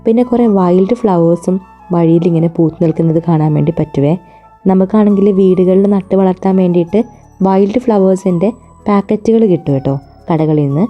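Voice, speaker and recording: A woman's voice: on the low side, fairly quick, dull audio. A woman with a Malayali accent narrating a casual travel vlog, dropping English words into her Malayalam. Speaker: travel vlogger. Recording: music under the voice. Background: music.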